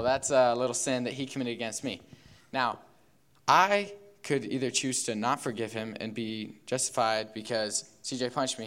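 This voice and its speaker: Casual young man giving a sermon. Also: medium pitch. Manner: relaxed, filler-heavy, acts out characters in a parable. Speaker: youth speaker.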